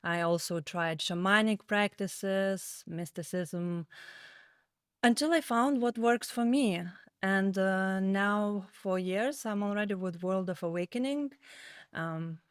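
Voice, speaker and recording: A woman in her thirties with a Lithuanian accent, hosting a casual podcast and talking calmly, with many small pauses and fillers. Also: medium pitch, clean tone, no echo, clean studio sound. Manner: calm, halting, with frequent fillers. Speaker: podcast host.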